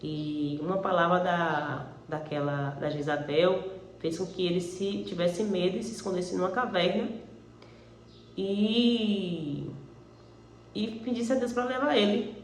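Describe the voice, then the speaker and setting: A woman's voice: lowish voice, moderate pace, roomy sound, a little hiss or hum, low-quality recording. Earnest Brazilian woman giving a testimony. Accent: Brazilian Portuguese. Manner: earnest, conversational, addresses listeners as brethren. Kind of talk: personal religious testimony.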